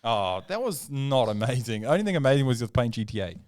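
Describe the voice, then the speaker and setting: A man's voice: medium pitch, very animated, fast talker, a little mellow, dry recording, studio quality. A man co-hosting a casual sports podcast, opinionated and emphatic, pushing his points hard. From New Zealand. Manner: opinionated, emphatic, argues points with rising energy. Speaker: podcast co-host.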